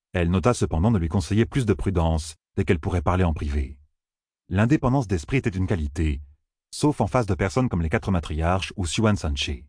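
Male audiobook narrator, deep, husky, dry close sound. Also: a little mellow, dry recording. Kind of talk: scripted fantasy narration.

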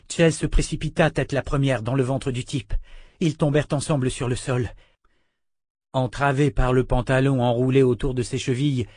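A man's voice: mid-range voice, dry recording. Man narrating an audiobook, dry close sound. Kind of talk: audiobook reading.

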